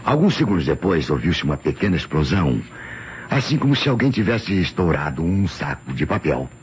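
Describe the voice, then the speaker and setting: In an old radio drama, an actor with a Brazilian accent plays a polite male doctor giving careful, formal testimony. His low voice has a sing-song lilt, and his earnest, deliberate delivery is explanatory in tone. The recording is muffled and noisy.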